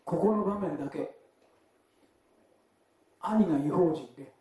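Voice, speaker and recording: A pastor preaches in a church sanctuary in a chatty, conversational style, often turning to the congregation with questions. His fairly high, warm voice moves slowly and sits far from the mic, in a very echoey church hall.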